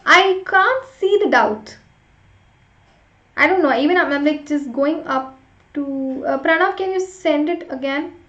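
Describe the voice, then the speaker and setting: A woman's voice: high voice, unhurried, a bit bright. A woman teaching an interactive live online class, chatting with students and urging them along with short repeated prompts. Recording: roomy echo, slightly dull sound.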